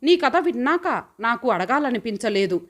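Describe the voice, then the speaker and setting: A woman reading the part of a kind, wealthy, childless woman in an audio story, speaking softly and reassuringly. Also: fairly high pitch, sing-song, moderate pace. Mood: gentle reassurance.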